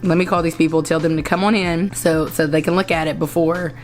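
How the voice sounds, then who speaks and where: A young woman vlogger, hoarse after a concert, chats to the camera at home while doing her makeup. Her lowish voice is brisk with fairly even intonation, and she rambles, self-corrects and restarts sentences in a chatty way. Soft music plays faintly underneath.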